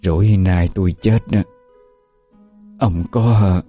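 A man's voice: low-pitched, steady tone, slow pace, dark tone. A man voicing a teasing, shrewd old village wife, with faint music behind. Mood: weak faint.

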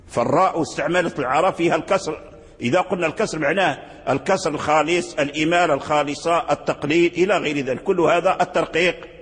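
A man's voice: fairly high pitch, slightly rough, big-room sound. A man teaching Quran readings in an explanatory lecture. He repeats words and restarts often, and sometimes chants the example words.

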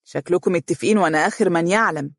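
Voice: mid-range voice, very fast, creaky, dry recording. A storyteller voicing a joking, affectionate husband in Egyptian dialect, close to the reader's own voice. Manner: warm joking, mock-stern. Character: joking, affectionate husband who plays stern. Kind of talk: storybook reading.

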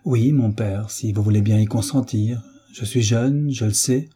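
A man's voice: lowish voice, measured pace, mellow, husky. A man voicing an earnest, resolute young man pleading with his father. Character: young nobleman son, earnest, devoted, resolute.

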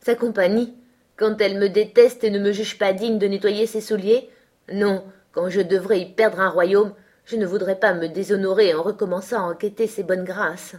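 A woman reading a French audiobook and voicing a gruff, hostile young man who snaps his replies. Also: medium pitch, normal speed, darkish tone, natural voice. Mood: surly. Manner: gruff and snapping. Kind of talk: audiobook character voice.

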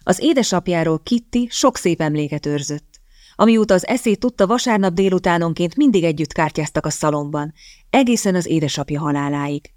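A woman narrating a novel in an even, measured way. Her voice sits lowish for a woman and is recorded close and dry, with no room sound. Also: dry recording. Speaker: audiobook narrator. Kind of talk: scripted narration.

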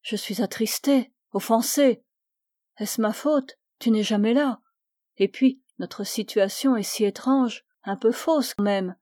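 A woman reading the part of an ailing young woman in love, soft and wistful. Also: fairly high pitch, slow, no echo, studio quality.

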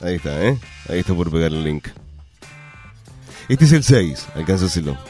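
A man's voice: deep voice, very animated, normal speed, mellow, soft background music. A man with an Argentine Rioplatense accent hosting a radio show, chatting casually and joking with his producer. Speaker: radio host. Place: radio studio.

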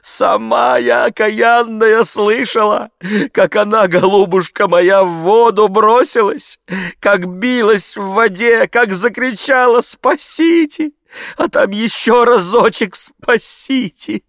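A man's voice: sits high, slow, gravelly, fairly bright tone, dry recording, clean studio sound, pitched above the performer's own voice, full character voice. A man doing a sobbing, wailing maid. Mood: wailing grief. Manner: lamenting, sobbing. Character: tearful peasant maid, woman, wailing.

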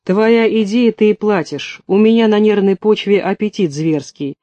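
A man's voice: high voice, moderate pace, dark tone, no echo, lo-fi sound, natural voice. A man reading an audiobook, voicing a brash, coarse woman who mocks everyone in a folksy way. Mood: mocking.

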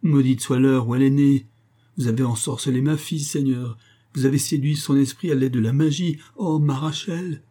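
A man reading aloud and voicing a fawning, shrewd old male banker with a nasal, whining voice, in a low husky register. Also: moderate pace, dark tone. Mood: distraught.

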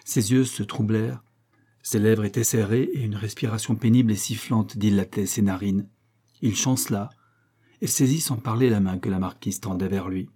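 Husky mellow male audiobook narrator. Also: on the low side, steady tone. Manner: measured literary narration. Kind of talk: audiobook reading.

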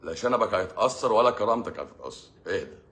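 A man's voice: fairly low pitch, lively intonation, very fast, a bit bright. An Egyptian man, a doctor, talking casually to his audience in a sarcastic, mocking advice-giving way. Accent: Egyptian Arabic. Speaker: doctor hosting his own channel. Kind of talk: casual monologue.

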